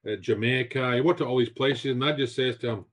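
In a brisk, mid-range voice with slight background noise, a man in his sixties from Scotland shares career stories as a guest chef on a video call. He's animated, repeating words and gesturing with his hands, in a home room lined with shelves.

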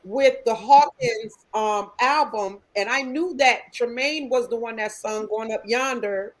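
Animated woman storyteller on video call. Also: on the high side, measured pace, rough recording. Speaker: guest gospel singer.

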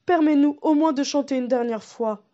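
A woman voicing three plump little pigs who plead in a slow, sing-song way. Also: high voice, warm tone, lo-fi sound, pitched above the performer's own voice, close to an everyday voice. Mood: mournful sing-song.

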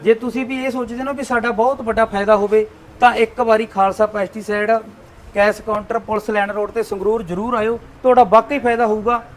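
A man hosts a shop promo, firing off short friendly questions at customers. His voice sits very high and he talks at a rapid clip. He keeps the chat brisk and upbeat. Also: fairly even intonation, a little hiss or hum. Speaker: interviewer at a pesticide shop.

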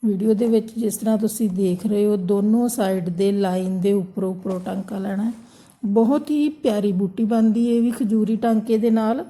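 Woman, craft tutorial narrator, very mellow dark tone, gentle and repetitive. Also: medium pitch, steady tone, a little fast. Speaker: embroidery teacher.

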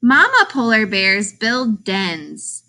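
In a mid-range voice and at a slow pace, a woman reads a children's picture book aloud the way a teacher would. She gives expressive emphasis to the questions and answers.

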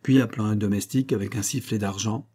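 A man reads a classic novel aloud in measured, even narration. His voice is warm and dark-toned, with a husky texture to it. The pacing is steady and unhurried, as an audiobook reader. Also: fairly low pitch.

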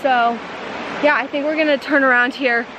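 In a casual vlog, a woman in her twenties talks to a camera held at arm's length, her upbeat chatter heavy with "like." She speaks high and steady at a moderate pace over background noise. It begins indoors in a small wooden cabin and continues outdoors on a forest trail.

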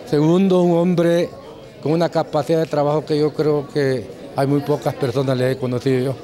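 A man in his sixties speaking deliberately in an interview, laying out his points one by one. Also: on the high side, level tone, mellow. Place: indoor event hall.

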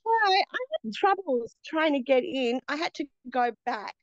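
A woman's voice: high-pitched, lively intonation, unhurried, no room sound, muffled recording. Chatty woman on a video call. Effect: heard over a video call. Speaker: course participant. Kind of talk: casual video-call chat. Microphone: computer or phone on a video call.

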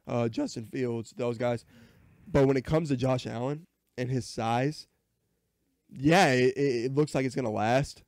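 A man's voice: medium pitch, a little slow, a little mellow, no room sound, studio quality. A man co-hosting a podcast, talking sports in a rambling way, often restarting and repeating words. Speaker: podcast co-host. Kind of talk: casual sports chat.

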